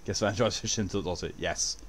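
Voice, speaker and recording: A man's voice: low voice, fast talker. A man chatting casually as he streams and comments on a video game.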